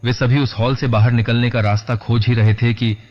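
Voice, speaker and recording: A man giving a dramatic, measured scripted horror narration in a lo-fi recording. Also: mid-range voice, little pitch movement. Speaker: horror storyteller. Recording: lo-fi dull recording.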